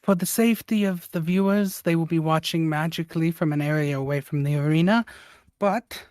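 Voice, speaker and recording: A man's voice: fairly high pitch, fairly quick, a little mellow, clear, resonant tone, no room sound, natural voice. Stern matron announcer for a tabletop game, played by a male game master; formal, motherly, close dry sound.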